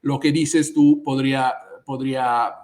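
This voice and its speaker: A man's voice: medium pitch, a little slow. A man interviews a guest in Spanish, his plain. He circles his question, repeating little words while he searches for the next one. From Southern Italy. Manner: searching for words, repeats syllables, grows more animated. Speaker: interviewer, host.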